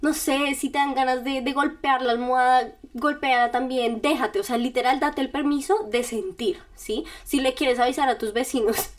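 This woman's high voice stays steady at a moderate pace with hardly any pauses. As a podcast host, she directly guides the listener through casual self-help steps in a chatty, informal style with little laughs.

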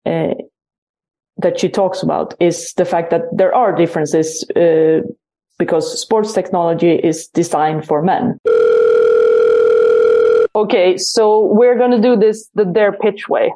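A woman's voice: on the low side, measured pace, long pauses. A woman hosting a podcast, chatting casually and repeating words as she searches for what to say. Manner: animated, repeats words while searching for them. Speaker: podcast host. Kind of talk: casual interview chat.

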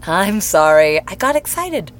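Brief: a woman playing an excitable wife, mid-pitched, animated. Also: unhurried. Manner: gushing, enthusiastic. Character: excitable romantic young wife.

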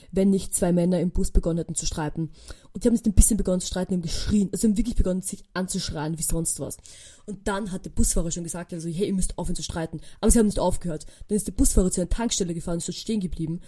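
A young woman hosting a podcast tells a story casually in a lowish, breathy voice. She uses many fillers and brings the tale to life with lively quoted dialogue.

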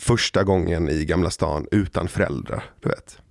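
A man from Gothenburg co-hosting a podcast, telling animated childhood anecdotes. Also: deep voice, vocal fry, no echo, clean studio sound. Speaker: podcast co-host. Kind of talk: casual chat.

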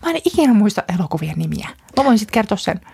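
A woman co-hosting a casual chat podcast from a makeshift home studio, chatty and laughing while she talks softly. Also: mid-range voice, sing-song, creaky, husky, dry recording. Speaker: podcast co-host.

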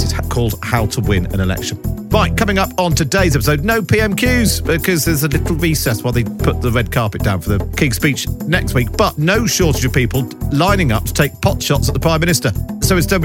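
A man hosting a political radio podcast in a brisk, jokey, chatty way. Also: a little high. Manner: brisk, jokey, laughs often. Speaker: radio presenter.

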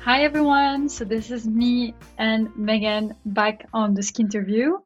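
Higher-voiced woman, slightly dull audio. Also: steady tone, measured pace, faint music behind. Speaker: podcast co-host. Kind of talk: casual podcast chat.

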